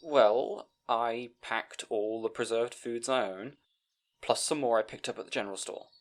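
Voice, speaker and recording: At a moderate pace and medium pitch, close to an everyday voice, a man plays a timid young scribe with a bookish streak. Speaking to the listener in this fantasy audio roleplay, he sounds anxious, hesitant and apologetic, rambling and stammering.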